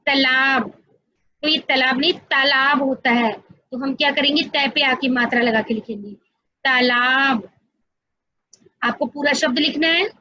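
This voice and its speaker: A woman's voice: sits high, sharp tone, no echo, highs cut off. A woman teaching an online class to young children, explaining patiently step by step and often addressing them directly. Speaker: school teacher.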